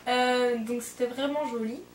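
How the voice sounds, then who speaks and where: A French au pair in her twenties vlogs casually, rambling with plenty of fillers and self-corrections. Her fairly high voice keeps a fairly even intonation at a measured pace, and the recording has a little hiss or hum, a roomy echo, and distance from the mic.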